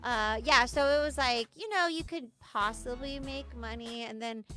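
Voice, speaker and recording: A woman's voice: a little high, normal speed, sharp tone. A woman in her thirties telling stories as a podcast guest, talking loosely and casually. She fills her speech with "like" and swears freely, and music plays underneath. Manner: chatty, peppered with "like", swearing. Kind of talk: casual interview storytelling.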